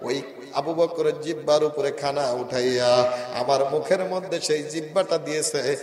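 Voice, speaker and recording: A male preacher voicing a frail, tender old blind woman in a soft, low, pleading voice. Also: moderate pace, close to an everyday voice. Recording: echoey loudspeaker reverb.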